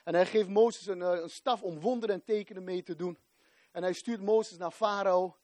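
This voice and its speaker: A man in his forties preaching a fervent sermon, rising to shouts at the climaxes. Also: high voice, steady tone, moderate pace, no echo, studio quality.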